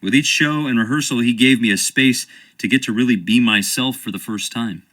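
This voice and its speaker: For a video game, a male actor voices a charming, evasive young stage actor with an American accent who dodges questions in a wry, theatrical way. His mid-range voice is a little fast, a bit bright, and close to an everyday voice.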